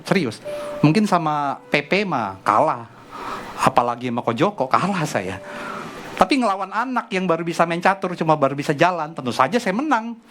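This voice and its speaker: A middle-aged male pastor preaching at a church service, telling a family story in a chatty, animated way. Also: a little high, a little hiss or hum. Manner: chatty, animated anecdote telling with acted quotes. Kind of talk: sermon with personal storytelling. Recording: music playing underneath. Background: background music.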